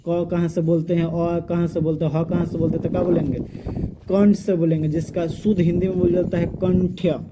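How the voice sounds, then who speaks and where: A fairly high-pitched man with a very dark, mellow tone teaches a grammar lesson. He drills each sound aloud and keeps quizzing his class with question-and-answer repetition. Faint noise hums behind him.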